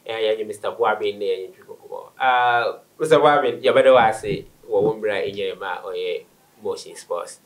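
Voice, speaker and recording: A man's voice: on the low side, normal speed. A man with a Ghanaian West African accent, hosting a conversational sports interview in a studio. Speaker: sports show host. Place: small indoor studio. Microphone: studio microphone on table stand.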